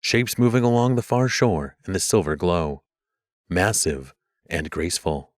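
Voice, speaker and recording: Slow, lively-toned male audiobook narrator. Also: sits low, no echo, clean studio sound.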